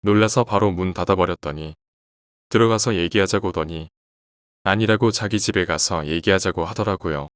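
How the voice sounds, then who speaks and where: A man narrating a first-person horror story aloud in a quiet, measured reading. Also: low-pitched, no echo, clean studio sound.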